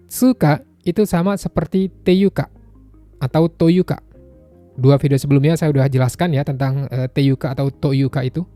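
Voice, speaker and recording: A man's voice: a little high, warm tone, no room sound. A man teaching a language lesson, explaining points patiently and going over them again in casual, spoken phrasing.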